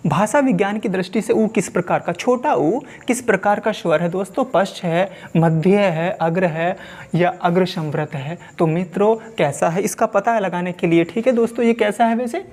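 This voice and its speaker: A man's voice: high-pitched, normal speed, a little mellow. A man teaching an exam-prep lesson, asking questions and repeating them to his viewers.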